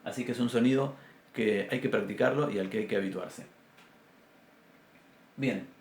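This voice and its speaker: A man teaching a Biblical Hebrew class with an Argentine Spanish accent, explaining patiently and sounding out letters aloud, often clearing his throat. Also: on the low side, moderate pace, a little mellow, roomy sound. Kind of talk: university class lecture. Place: classroom with a blackboard.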